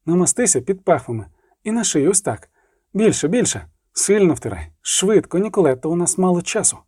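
A man voicing an urgent young scholar hero who gives hushed, commanding instructions in a storybook reading. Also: high voice, big pitch swings, brisk, husky, no room sound, clean studio sound, exaggerated voice.

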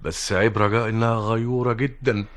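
An actor playing a bickering, excitable husband in an old-time radio drama, with an Egyptian accent and quick, emphatic comic banter. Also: male voice, fairly low pitch, natural voice. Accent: Egyptian Arabic.

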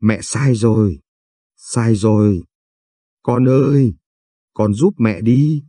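A tearful, indebted mother begs her child for help, her voice low and dark, as a male narrator reads her lines. The sound is husky and soft-edged, in a dry, close recording. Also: takes it slowly, no room sound. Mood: pleading. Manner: begging, weepy pleading. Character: desperate indebted middle-aged mother, pleading and tearful.

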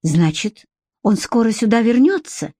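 A woman reading as a bossy female personal assistant who scolds and shouts when angry. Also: a little high, sing-song, a little slow, husky, no room sound, studio quality, full character voice. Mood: indignant.

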